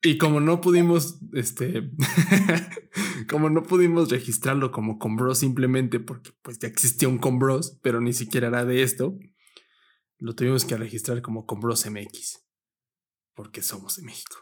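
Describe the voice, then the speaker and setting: A Mexican man bantering on his podcast in a playful, slang-heavy way, at a mid pitch for a man. He sounds casual and lively with his co-host. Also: moderate pace, breathy edge. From State of Mexico, Mexico. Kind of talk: casual chat.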